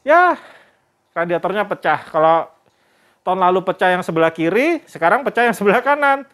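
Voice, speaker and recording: Casual male vlogger, chatty storyteller, voice sits a bit high. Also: sing-song, fairly quick, fairly bright tone. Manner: chatty, addresses viewers as "Kak"; religious greetings and expressions.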